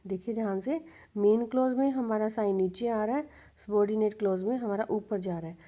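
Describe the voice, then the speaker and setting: A woman's voice: medium pitch, brisk, mellow. A woman teaching English intonation in a patient, explanatory way, going over rules and repeating key points with worked examples.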